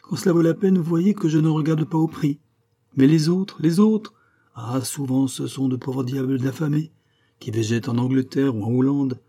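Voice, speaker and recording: A man's voice: mid-range voice, moderate pace, dark tone, natural voice. A man reading aloud, playing a weary, patient king who reasons in a mildly exasperated way.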